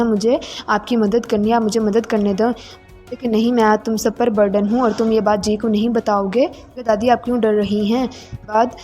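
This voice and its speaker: A woman narrating an episode recap of a drama, reading the characters' lines herself in an even, plain voice. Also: on the high side. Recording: faint music behind voice.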